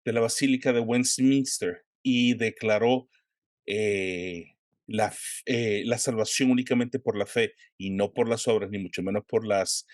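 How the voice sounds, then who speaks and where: A man hosting a conversation, asking questions and pausing to search for words. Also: on the low side, no room sound, clean studio sound. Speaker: host. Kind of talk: interview questions.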